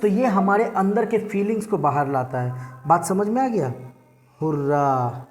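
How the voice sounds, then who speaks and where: A guy teaching English vocabulary in a classroom lecture speaks in a high-pitched, expressive voice without rushing. He constantly checks that his students understood.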